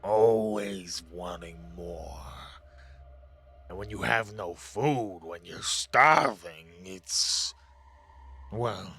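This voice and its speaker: A man voicing a low, grinning menacing brute. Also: vocal fry, bright, forceful tone, slightly rough, full character voice. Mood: ominous. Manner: slow, low, half-whispered menace. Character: grinning menacing male brute, toothy, lowborn.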